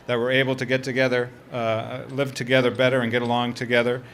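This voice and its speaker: A man, a public affairs officer speaking in a measured way with frequent fillers. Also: medium pitch, completely flat delivery, a bit bright, a little hiss or hum. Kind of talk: festival interview.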